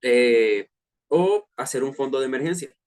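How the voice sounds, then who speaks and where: Unhurried and mid-range in pitch, a Venezuelan man in his twenties chats casually as the student presenter of an online finance workshop for peers. He speaks Venezuelan-accented Spanish, relaxed and full of fillers, hesitations and slang.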